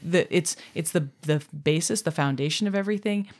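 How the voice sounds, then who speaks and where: A man's voice: on the high side, fairly quick. A man co-hosting a podcast in casual chat, speaking earnestly and emphatically, often checking for agreement. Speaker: podcast co-host.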